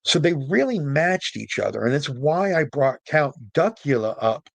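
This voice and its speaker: A man hosts a casual, humorous talk about media, presenting as a storyteller to an audience. His slightly high voice is sing-song and gravelly, at a moderate pace, with no echo. He sounds conversational and jokey, tossing in emphatic asides.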